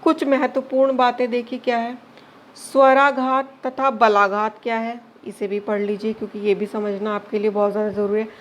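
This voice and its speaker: A woman teacher with a slightly higher voice leads an exam-prep grammar lesson. She asks rhetorical questions and answers them herself, checks in with short confirming tags and mixes English words into her explanations. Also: flat delivery, normal speed.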